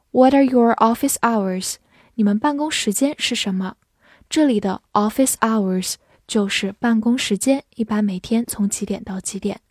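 Slow, careful woman teaching vocabulary. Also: a little high, a little mellow, no room sound, clean studio sound. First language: Chinese. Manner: spells words out and reads example sentences slowly. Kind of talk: vocabulary lesson narration.

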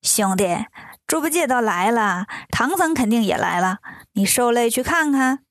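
A woman's voice: fairly high pitch, lively intonation, moderate pace, no room sound, studio quality. A woman voicing a commanding male demon king, the elder brother, in a children's story.

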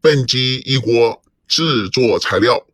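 A man announcing scene titles and commentary in a drawn-out, playful manner. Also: mid-range voice, a bit bright, no echo. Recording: voice over clear music.

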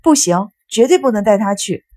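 A woman's voice: mid-range voice, animated, normal speed, a little mellow, slightly rough, no room sound, clean studio sound. A woman voicing a stubborn teenage girl, an older sister who speaks firmly and insists on her way. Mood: insistent. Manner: firm and insistent.

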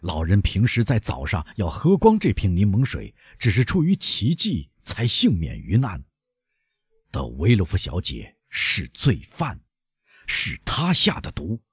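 A man's voice: low-pitched, wildly swooping pitch, slightly rough, no room sound, studio quality, full character voice. A man doing a cold, relentless doctor. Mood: stern. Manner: cold, measured, insistent. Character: stern older male doctor, relentless accuser. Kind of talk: audiobook character reading.

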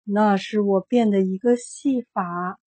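Storybook humbug wizard, voiced by a woman: old, trembling, slow and booming, dry close sound. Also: steady tone, mellow, no room sound, natural voice. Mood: meek. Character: boastful old humbug wizard, shaken and meek.

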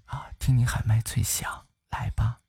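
A man's voice: medium pitch, flat delivery, moderate pace, whispered. A man, teasing and coaxing another streamer on a voice call. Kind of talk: livestream voice-call banter. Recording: music playing loudly underneath.

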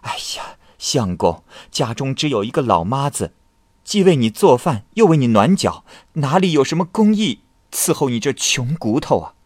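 A wife teases her drunken husband, soft and half-whispered before rising in mockery, as a male storyteller puts her on. Dry close sound. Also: medium pitch, big pitch swings, normal speed, no echo, voice pushed up. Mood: teasing. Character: teasing wife, amused and mocking.

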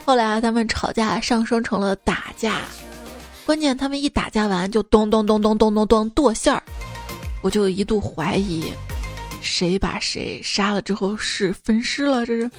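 A woman's voice: mid-range voice, moderate pace, soft background music. A woman radio host reading jokes in a playful, teasing way, chuckling between punchlines.

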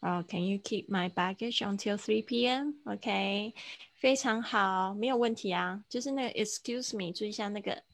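A woman's voice: mid-range voice, normal speed, vocal fry, no echo. A woman teaching an online English lesson, patiently coaching a student's pronunciation over a video call. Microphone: computer mic on a video call.

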